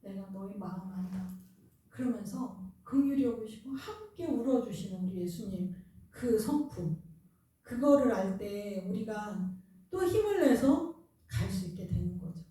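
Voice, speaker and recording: A woman's voice: medium pitch, expressive, unhurried, warm tone. A woman pastor giving an earnest, conversational sermon and asking the congregation questions. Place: church sanctuary. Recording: very echoey church hall, distant mic.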